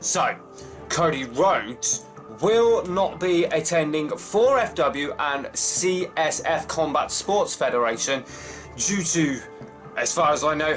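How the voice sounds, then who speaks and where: A man in his thirties hosting a casual wrestling news show to camera, upbeat and chatty, with big jumps in pitch for emphasis. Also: fairly bright tone. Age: 30s. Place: small wood-panelled room full of wrestling posters. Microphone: webcam close up, then wide desk camera.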